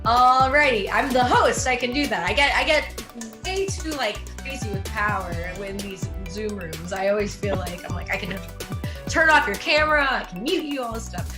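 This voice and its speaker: A woman's voice: fairly high pitch, animated, normal speed, music in the background. A woman hosting an online comedy show over a video call, upbeat and chatty as she introduces the next comedian. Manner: upbeat, chatty, jokes about her power to mute people. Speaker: host.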